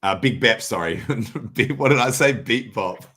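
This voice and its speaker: A man's voice: mid-range voice, lively intonation, unhurried, bright, forceful tone, husky. A man appearing as a guest on a livestream, talking loosely with swearing, laughter and frequent restarts over a video call. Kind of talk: casual livestream chat.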